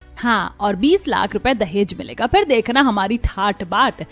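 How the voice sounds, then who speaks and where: Faint music runs beneath a woman's cartoon performance as a cruel, middle-aged mother-in-law who scolds and taunts harshly. She speaks a little slowly, with a mid-range voice and lively intonation.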